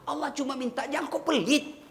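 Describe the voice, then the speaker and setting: A man's voice: very high-pitched, a little fast, fairly bright tone, slight background noise. A middle-aged man with a Makassar accent giving a humorous sermon, telling stories and addressing his listeners directly as "Pak". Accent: Makassar Indonesian. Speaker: preacher.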